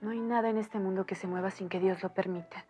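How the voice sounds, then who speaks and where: An actress playing a gentle, devout young lady in a 1990s Mexican telenovela, soft and earnest, with a Mexican Spanish accent. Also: mid-range voice, fairly even intonation, fast, lo-fi sound, soft background music, lightly acted.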